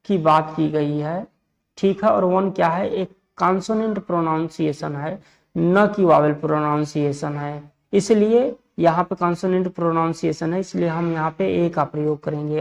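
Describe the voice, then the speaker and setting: A man from India teaching an English grammar lesson for exams. He asks questions and answers them himself, repeats set phrases, and reads the example sentences slowly. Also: fairly high pitch, gravelly, dull audio. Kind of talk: exam-prep grammar lesson.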